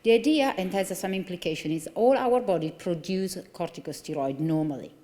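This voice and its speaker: Speaking at a lectern microphone in a large conference hall, a consultant neurologist in her forties with a strong Italian accent delivers an earnest lecture full of fillers and restarts. Her voice is lowish and warm, and she talks fairly quickly. The hall's long reverb is audible.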